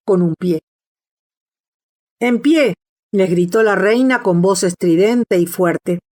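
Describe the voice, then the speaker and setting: A woman reading a classic children's novel aloud as an audiobook narrator, in a steady, measured way. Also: medium pitch. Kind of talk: scripted storybook narration.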